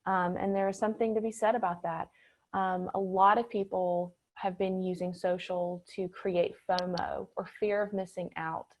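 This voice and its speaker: A woman's voice: fairly low pitch, moderate pace. Woman on a call, audio cutting in and out. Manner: steady explaining with filler "um"s. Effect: audio cutting in and out, uneven volume. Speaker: webinar speaker. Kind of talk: business talk on a video call. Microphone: video call.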